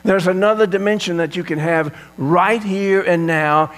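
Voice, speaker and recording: Man, preacher, sermon, slightly high voice, dramatic emphasis, long hall reverb, mains hum. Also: steady tone, moderate pace, fairly bright tone. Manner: dramatic storytelling with swelling emphasis. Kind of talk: Easter sermon.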